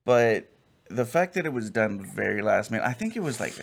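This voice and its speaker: A man in his late thirties with a gravelly, creaky edge to his voice chats casually. He hesitates often and rambles, restarting his sentences. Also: lowish voice, sing-song, a little fast. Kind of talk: casual chat.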